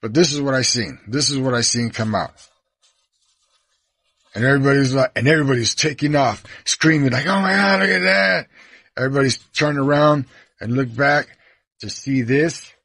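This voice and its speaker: Guy rambling about what he saw, kinda husky, swears a lot, dry sound. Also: medium pitch, normal speed, fairly bright tone, no room sound. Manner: rambling, swears, gestures while describing. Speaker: eyewitness. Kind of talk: excited eyewitness account.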